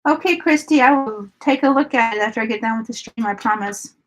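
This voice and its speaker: Woman, forties, fairly high voice, casual live-stream chat, giggly, greets viewers by name. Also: fast, low-quality recording.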